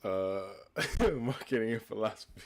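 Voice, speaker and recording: A young American man with a calm, laid-back, fairly low voice reads live chat questions aloud during a casual stream. He answers them in an unhurried, relaxed and reflective way.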